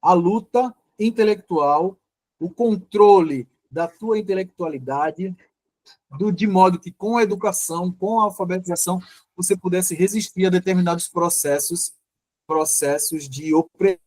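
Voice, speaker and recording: A male teacher giving a live online lecture, explaining step by step with frequent restarts and pauses. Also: high voice, darkish tone, no echo.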